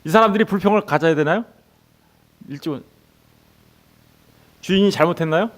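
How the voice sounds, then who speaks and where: A man's voice: high voice, fairly quick. A male pastor preaching a sermon who keeps asking his congregation rhetorical questions. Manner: acts out the workers' lines in quoted voices.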